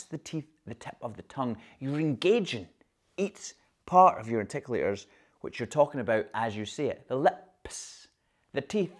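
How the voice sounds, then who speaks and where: A man from Glasgow with a Glaswegian Scottish accent, coaching viewers on their voice in an online lesson and saying example words aloud to show them. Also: medium pitch. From Glasgow, Scotland. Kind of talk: online instructional video.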